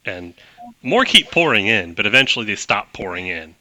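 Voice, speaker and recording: A man's voice: fairly low pitch, big pitch swings, normal speed, sharp tone, no echo. A man narrating a tabletop game as game master, rambling with chuckling asides.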